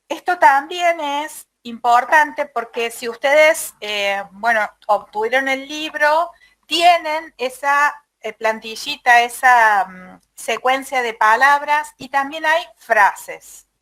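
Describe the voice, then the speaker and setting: A woman's voice: high voice, fairly bright tone. A woman lecturer with an Argentine accent explaining a topic to her class, asking rhetorical questions and checking that students follow. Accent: Argentine Spanish. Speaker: university lecturer in audiology.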